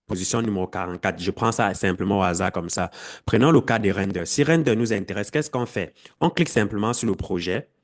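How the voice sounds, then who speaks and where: A man's voice: lowish voice, brisk. A man explaining a screen-share tutorial to his viewers, with frequent fillers and self-corrections. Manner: talks straight to viewers. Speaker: crypto educator.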